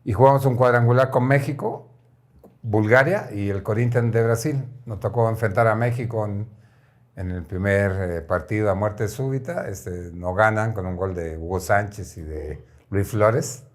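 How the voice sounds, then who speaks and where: A man in his sixties from Chile with a fairly deep voice. He tells his story in a relaxed, reflective way, pausing on fillers as he goes. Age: 60s. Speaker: guest, former footballer. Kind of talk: casual interview storytelling.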